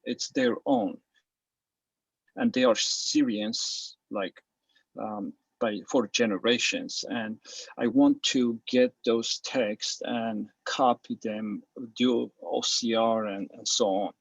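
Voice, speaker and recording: A man's voice: mid-range voice, expressive, takes it slowly, gravelly, breathy edge, no echo, highs cut off. A man from Armenia asking questions in an online Q&A, hesitant and searching for words, speaking over a video call.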